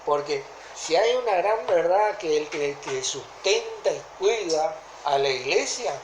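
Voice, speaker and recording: A woman with a Rioplatense Argentine accent preaching a sermon in a deliberate way, often stopping to ask whether listeners follow. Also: lowish voice, animated, a little mellow, a little hiss or hum. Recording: echoey room.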